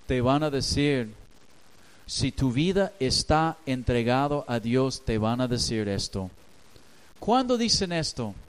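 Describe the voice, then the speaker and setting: A pastor delivers an emphatic sermon in a notably high voice. He takes his time, letting phrases stretch out, and swings between hushed reflection and loud outbursts. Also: clear, resonant tone, poor audio.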